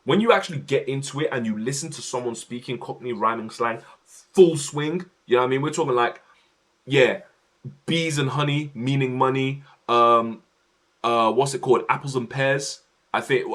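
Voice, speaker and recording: A man's voice: mid-range voice, a bit bright. A young man chatting casually on his livestream, slang-heavy and talkative, in his home office.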